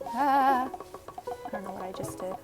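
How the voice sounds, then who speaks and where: A woman's voice: a little high, moderate pace, music in the background. A woman streaming a building game, chatting playfully and slipping into mock-dramatic outbursts. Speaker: vtuber streamer. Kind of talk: casual gameplay commentary.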